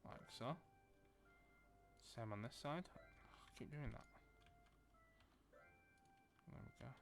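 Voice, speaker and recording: A gaming video creator with a Lancashire accent gives casual commentary while playing a building game, thinking aloud and muttering to himself. His voice is medium-pitched, gravelly and animated, he takes things slowly, and faint music sits behind him.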